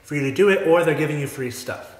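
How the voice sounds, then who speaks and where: A man's voice: on the high side, fast talker. A man in his twenties hosting a casual eating vlog, chatty and upbeat, laughing often. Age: 20s. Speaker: vlogger host. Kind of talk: casual mukbang chat. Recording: echoey room, faint noise.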